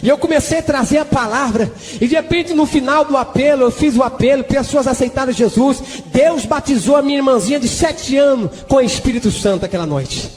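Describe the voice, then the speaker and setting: A preacher tells his testimony with fervor and sudden swings in his delivery. His voice is very high for a man, carried by a long hall reverb with faint music underneath. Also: a little fast, hardly any pauses, a little mellow. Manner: fervent, with dramatic swings in delivery. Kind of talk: sermon testimony.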